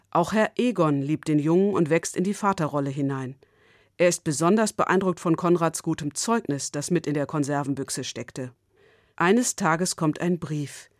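Calm woman with a dry close sound. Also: on the low side, no room sound. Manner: calm, measured storytelling. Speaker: speaker of a short devotional. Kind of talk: scripted reflective talk.

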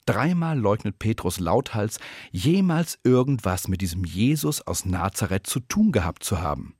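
A man retelling a Bible story as a devotional reflection, in a storytelling manner with slow, weighty pauses. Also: fairly low pitch, very animated, darkish tone, slightly rough, dry recording, clean studio sound. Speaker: preacher.

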